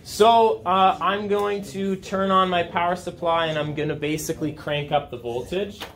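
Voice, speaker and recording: His voice sits high and fairly bright, with fairly even intonation at a normal speed, as this thirty-something teacher leads a high school chemistry lesson. He talks conversationally, asking questions and checking in with the class. A camera positioned back in the room records him, so the audio is roomy, distant, and carries room noise.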